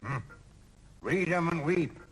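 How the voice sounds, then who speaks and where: An actor playing a cocky young gunslinger at cards in a TV sitcom, talking in mock-western style. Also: male voice, fairly high pitch, slow, fairly bright tone, breathy edge, full character voice, rough recording. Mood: cool. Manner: mock-western cowboy talk. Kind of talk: TV sitcom acting.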